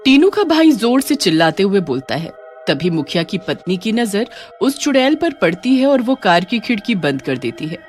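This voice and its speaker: A woman giving scripted narration of an animated horror story in a steady, dramatic manner. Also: medium pitch, normal speed, faint music behind.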